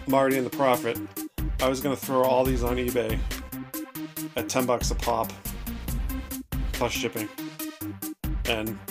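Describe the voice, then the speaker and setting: A man casually narrating a walkthrough of his cluttered storage room, rambling and asking viewers for help. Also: medium pitch. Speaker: storage unit reseller.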